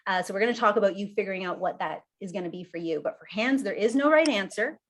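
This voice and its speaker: A woman giving a live online workshop over a video call, talking in a lively, conversational way while standing. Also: medium pitch, fast talker, a little hiss or hum. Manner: lively and conversational, laughs often; talks while standing and gesturing. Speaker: workshop presenter.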